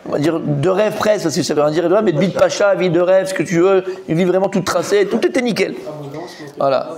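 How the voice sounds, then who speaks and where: Fast-talking rabbi telling Talmud stories. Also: male voice, high voice. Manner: animated, repetitive, acts out the characters. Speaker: rabbi teaching a Talmud class. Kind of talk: lively Talmud lesson storytelling.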